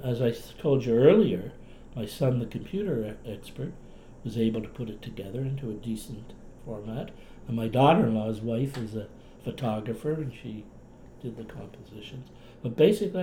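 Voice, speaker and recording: An elderly man reminisces in a relaxed Cape Breton accent, talkative and folksy. His voice is mellow and soft-edged. He is recorded in a roomy, echoing space at home with faint noise behind him. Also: medium pitch. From Cape Breton, Canada. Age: older, past retirement. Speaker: interviewee, retired clinician and writer. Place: indoors in a home.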